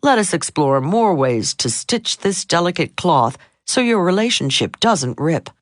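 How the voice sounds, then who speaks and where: Low-pitched woman narrating an audiobook, steady and measured, dry booth sound. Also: dry recording. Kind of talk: scripted narration.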